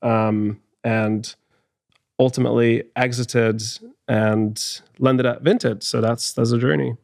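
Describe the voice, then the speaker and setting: Speaking slowly in a creaky, mid-range voice with a darkish tone and fairly even intonation, a Hungarian-accented man in his thirties gives thoughtful answers with frequent restarts and fillers. He's an HR executive guesting on a studio podcast interview, recorded without echo.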